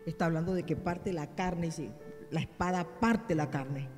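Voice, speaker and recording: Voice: mid-range voice, normal speed, darkish tone, in a large hall, soft background music. A preacher delivering a sermon, speaking directly and emphatically to the congregation as brothers and sisters.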